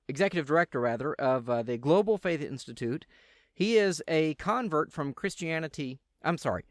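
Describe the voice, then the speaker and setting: A man who is a pastor hosting a talk radio show, speaking casually and haltingly with many fillers. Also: fairly high pitch, a bit bright, no room sound, clean studio sound. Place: radio studio.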